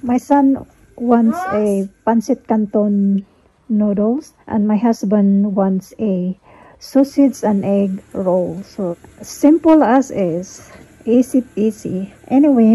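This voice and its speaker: A woman's voice: medium pitch, slow pace, warm tone. A Filipino woman with a Filipino accent and Tagalog as her first language, chatting casually to viewers as a vlogger in a roomy, echoey indoor space. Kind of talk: casual vlog chat to viewers.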